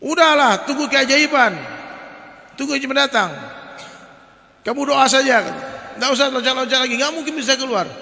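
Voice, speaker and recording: Guy putting on squeaky nagging frogs telling a buddy to give up, high and yelly, big echoey hall. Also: moderate pace, vocal fry, long pauses, heavily acted. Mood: discouraging. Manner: shrill, nagging, jeering. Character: crowd of discouraging male frogs.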